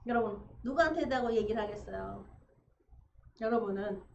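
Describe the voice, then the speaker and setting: A woman pastor preaching a sermon in an animated way, acting out quoted conversations. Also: mid-range voice, moderate pace, gravelly. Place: church sanctuary. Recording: echoey church room, dull sound, faint noise.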